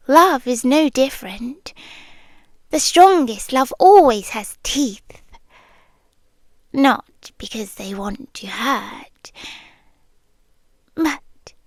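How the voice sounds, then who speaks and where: In an ASMR roleplay, a British woman voices a possessive, nonhuman yandere girlfriend, speaking softly and deliberately and often drifting into breathy whispers. Her high-pitched, exaggerated delivery is captured in a dry, studio-quality recording.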